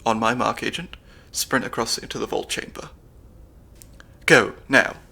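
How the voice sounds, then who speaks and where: With vocal fry, a medium pitch, and a measured pace, a young man delivers an exaggerated performance as an ASMR roleplay's substitute spy handler. The character is nerdy and slightly anxious, and he sounds soft-spoken, analytical, and wry.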